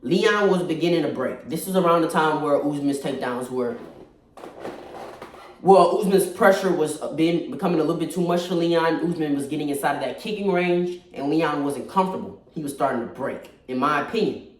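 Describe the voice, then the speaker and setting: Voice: medium pitch, brisk. Echoey, emphatic fight commentator, slightly distant. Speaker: combat sports commentator. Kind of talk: casual fight-analysis commentary. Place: echoey space. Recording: very echoey room, distant mic.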